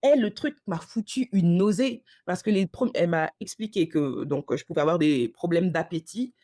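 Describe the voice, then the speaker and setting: A woman hosting a casual storytelling podcast, animated and slangy, acting out the dialogue as she tells it. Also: fairly low pitch, moderate pace, no echo, studio quality. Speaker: podcast host.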